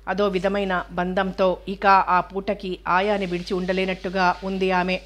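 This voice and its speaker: A woman narrating a novel as an audiobook in an even, measured storytelling manner. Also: mid-range voice.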